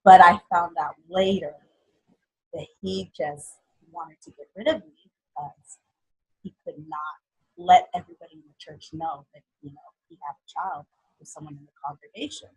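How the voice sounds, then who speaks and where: A young woman from Haiti tells her own life story as a guest, earnest and halting, with fillers. Her voice is husky and sits a little low. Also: a little mellow, rough recording. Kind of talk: personal story in an interview.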